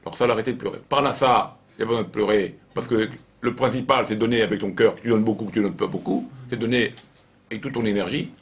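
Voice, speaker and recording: Man, rabbi, informal Torah lesson, animated storytelling, repeats phrases. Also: fairly low pitch, fast, a little hiss or hum.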